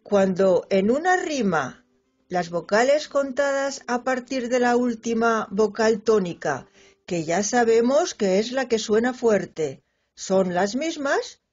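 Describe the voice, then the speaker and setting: A woman with a Spanish accent teaching a poetry lesson to children, drawing out the example words in a slow, lilting voice. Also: fairly high pitch, a little mellow, slightly rough. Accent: Spanish from Spain. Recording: dull lo-fi sound with faint music.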